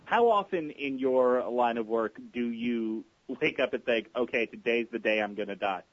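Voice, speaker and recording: A man's voice: mid-range voice, moderate pace, lo-fi sound. A male radio host asking questions in a plain, friendly manner. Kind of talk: radio interview.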